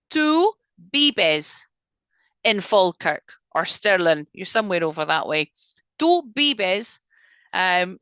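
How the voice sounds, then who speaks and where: A woman teaching an online Spanish lesson over a video call. She drills words slowly and keeps checking that her students are following. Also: mid-range voice, bright, forceful tone, clean tone, no echo.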